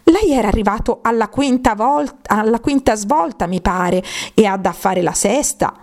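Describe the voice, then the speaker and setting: A woman voicing Alice, a polite, eager young girl who is quick to apologize. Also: on the high side, lively intonation, darkish tone, pitched above the performer's own voice. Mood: earnest. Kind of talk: storybook reading.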